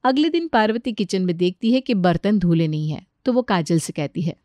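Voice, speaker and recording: Woman narrator, calm storybook read, dry close sound. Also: fairly low pitch, a little fast, dry recording. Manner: even, storytelling delivery.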